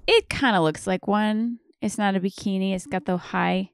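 A woman chats on a relaxed podcast in a smooth, clear voice of middle pitch. She talks loosely with many fillers and laughs easily. The recording is dry and close. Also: normal speed, no room sound. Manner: chatty, laughs often, fillers like "um" and "like". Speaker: podcast co-host. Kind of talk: casual podcast chat.

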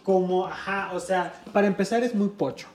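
A Mexican man with a high, mellow voice chats casually on a comedy podcast. He explains by restarting his sentences and acting out small examples. The room around him has a noticeable echo. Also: moderate pace. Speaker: podcast guest.

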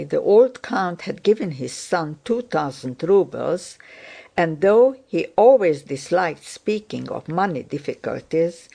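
A woman narrating a classic novel as an audiobook, with a measured, unhurried reading. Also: low-pitched, vocal fry, a little mellow. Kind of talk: scripted narration.

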